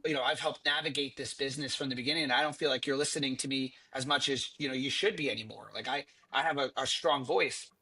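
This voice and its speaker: Answering on a business panel, a middle-aged franchise company chief executive speaks earnestly and conversationally, often using fillers and restarting sentences. His mid-range voice has a sharp, slightly rough tone.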